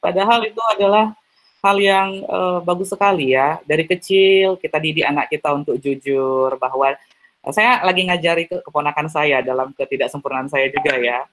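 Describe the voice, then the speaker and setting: A man's voice: a little high, moderate pace, a bit bright. A man giving an online seminar talk over a video call, chatty and full of tag fillers. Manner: chatty, heavy use of tag fillers, acts out little dialogues. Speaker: seminar speaker.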